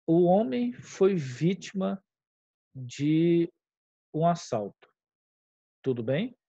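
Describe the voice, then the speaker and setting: In this grammar lesson walkthrough, a male teacher with a Brazilian Portuguese accent explains each step and keeps asking his students "tá?" or "tudo bem?". His voice is fairly high-pitched and mellow, captured in a dull lo-fi recording with no room sound.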